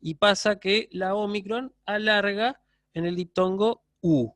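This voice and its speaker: A man with an Argentine Spanish accent giving a university lecture online, explaining patiently and often checking in with a quick "¿sí?". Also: high-pitched, fairly bright tone, no echo, studio quality.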